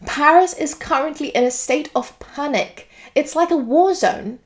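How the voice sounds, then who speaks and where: A woman's voice: sits high, measured pace. A woman from Greece delivering an earnest, lecturing monologue. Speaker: political video commentator. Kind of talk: scripted monologue to camera.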